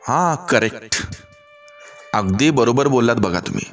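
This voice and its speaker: A man's voice: medium pitch, expressive, unhurried, faint music behind, natural voice. A man voicing a cocky young villager who talks glibly and teasingly, dropping in English words, in a storybook reading.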